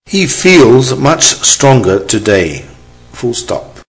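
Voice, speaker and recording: A man reading a dictation exercise, saying each phrase three times in a measured, deliberate way and speaking the punctuation aloud. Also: mid-range voice, very animated. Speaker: dictation reader. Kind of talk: slow repeated dictation with spoken punctuation.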